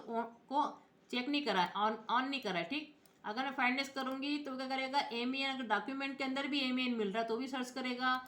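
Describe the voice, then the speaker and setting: Female computer teacher: high, bright voice, patient step-by-step explanations, echoey room sound. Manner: explains step by step, spells out letters, often checks in with viewers. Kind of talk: screen-recorded software tutorial.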